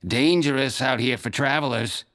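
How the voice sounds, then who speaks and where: A man voicing a feisty, gruff female goblin mechanic in a storybook reading, with a snappish, defiant manner. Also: medium pitch, moderate pace, a bit bright, pitched above the performer's own voice, natural voice. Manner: snappish and defiant, turning to frightened pleading.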